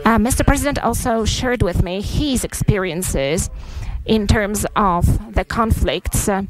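A woman interpreting a press statement live into English, halting with frequent pauses and fillers. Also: medium pitch, music in the background, low-quality recording.

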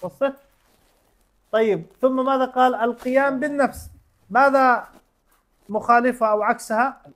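A man's voice: extremely high pitch, normal speed, a bit bright. A man teaching a religion class, explaining step by step with everyday examples and quizzing his students with short questions. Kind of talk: classroom lesson.

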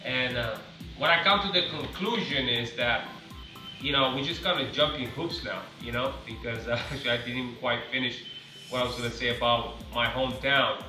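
A man's voice: medium pitch, brisk, pushed and bright, far from the mic, soft background music. Man rambling in echoey garage. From Romania. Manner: rambling, many fillers. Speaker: car-building vlogger. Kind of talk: casual reflective monologue. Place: large home garage, indoors. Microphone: camera set some distance away on a ladder.

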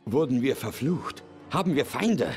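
A man's voice: medium pitch, animated, a little slow, a little mellow, husky, soft background music. An actor playing a distressed grown son in a video game, pleading with and accusing his father. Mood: questioning, accusing. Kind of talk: dramatic video game acting, German dub.

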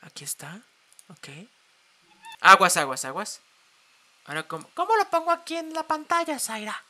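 Playful young Mexican streamer, bright and dramatic, prone to shrieks. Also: male voice, very high-pitched, huge pitch swings, normal speed, slight background noise. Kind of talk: casual live stream chat.

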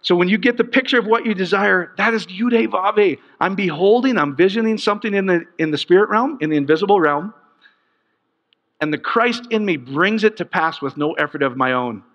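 A middle-aged male pastor preaches with a somewhat high voice, animated and joking. The sound is a little dull, and a long reverb trails each phrase as in a big hall. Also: fairly quick. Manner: animated, joking, bursts into laughter. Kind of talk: sermon.

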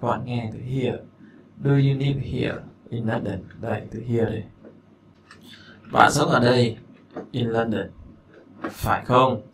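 A male teacher running an English lesson, repeating phrases slowly and glossing them, with chatty, joking asides. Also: medium pitch, fairly even intonation, a little hiss or hum. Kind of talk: language lesson explaining a listening exercise.

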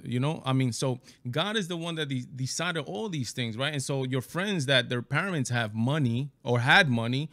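A middle-aged man from the Dominican Republic, talking over a video call in a halting, emphatic way with many restarts, on a headset mic in a small room. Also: on the high side, a bit bright, dry recording. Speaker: show host. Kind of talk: casual debate on a video call. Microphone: headset and studio mic.

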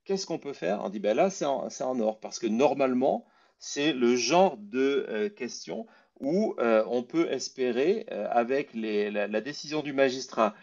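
A man hosting a live political talk show, explaining in a halting way and often repeating words. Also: mid-range voice, animated, creaky, darkish tone. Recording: slightly dull, lo-fi audio.

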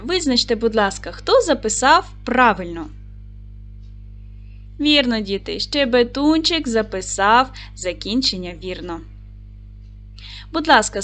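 A woman teaching a recorded lesson for primary school children, speaking clearly and patiently to the class. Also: on the high side, fairly bright tone.

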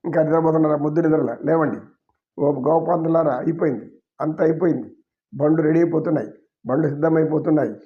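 A man's voice: fairly high pitch, fairly even intonation, quick pace. A man giving a devotional story discourse, retelling it in an emotive, dramatic, pleading way. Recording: dull lo-fi recording.

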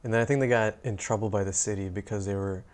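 A man as a podcast guest in relaxed casual chat, using lots of fillers and laughing along. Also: on the low side, fast.

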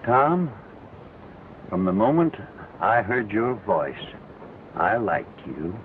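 Slow, low-voiced old Western man. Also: sing-song. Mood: confiding. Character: old blind Western marksman, fatherly, grimly resolved. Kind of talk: 1930s film western acting. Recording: tinny noisy 1930s film soundtrack.

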